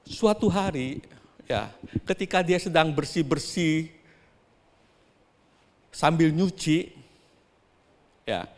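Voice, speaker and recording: A man pastor preaching a sermon, telling a story dramatically and often turning straight to the congregation, with his voice swinging between soft and loud. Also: a little high, animated, takes it slowly, long pauses, big-room sound. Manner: often addresses the congregation directly. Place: church.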